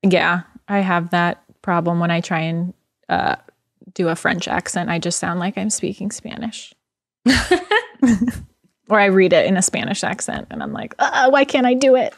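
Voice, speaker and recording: A woman's voice: on the low side, fairly even intonation, measured pace, long pauses. A woman co-hosting a podcast in casual chat, easygoing and thinking aloud as she talks. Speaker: podcast co-host.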